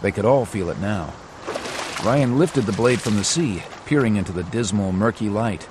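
Low-voiced man narrating adventure over noisy ambience. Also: animated, moderate pace. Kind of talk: scripted audiobook adventure narration.

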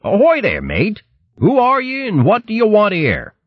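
A man's voice: sits high, wildly swooping pitch, normal speed, no room sound, lo-fi sound, voice pushed up, heavily acted. A man voicing an old male boxing hare who talks in a bluff, salty way. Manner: bluff, salty, sailor-like speech.

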